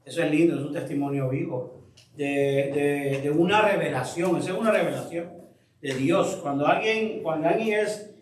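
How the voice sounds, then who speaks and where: A man's voice: on the high side, normal speed. A man leading a church Bible study, speaking reflectively and asking the group questions. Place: church room. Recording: echoey room, voice from far off.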